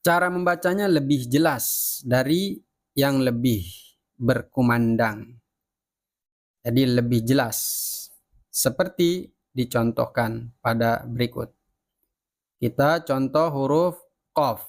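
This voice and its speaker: A man teaches Quran recitation rules at an unhurried pace. He is patient and repeats each example word slowly. His voice sits in a plain middle pitch. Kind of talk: slow step-by-step tajwid lesson.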